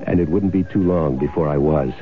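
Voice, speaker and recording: An actor with an extremely low male voice plays the scheming, greedy husband running an insurance swindle in an old radio drama, narrating noir-style in the first person. Fairly quick, he barks orders impatiently, sounding elated and smug. The old broadcast is muffled, with music behind.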